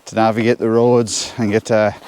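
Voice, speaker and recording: A man's voice: lowish voice, little pitch movement, moderate pace, a little mellow, clear, resonant tone. Northern Irish man talking while trudging through snow. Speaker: solo hiker vlogging. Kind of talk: casual walking vlog. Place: outdoors on a snowy hill forest track.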